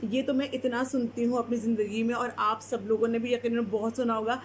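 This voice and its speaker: High-voiced woman teaching grammar. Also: flat delivery. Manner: explanatory, patient, answers viewers' comments. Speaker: Urdu language teacher. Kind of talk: live online lesson.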